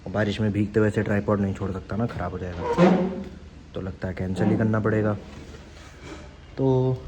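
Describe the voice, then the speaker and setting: A man's voice: lowish voice, fairly even intonation, moderate pace, heavy background noise. A young man vlogging and telling a story in a casual, chatty way, mixing in English phrases. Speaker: fitness vlogger.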